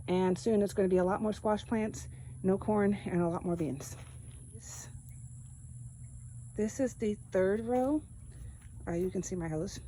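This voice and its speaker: A woman's voice: medium pitch, dark tone, a little hiss or hum, low-quality recording. A woman from East Texas walking through her backyard garden, explaining step by step in a plain, casual way. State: out of breath. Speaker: home gardener. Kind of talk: casual walk-through narration.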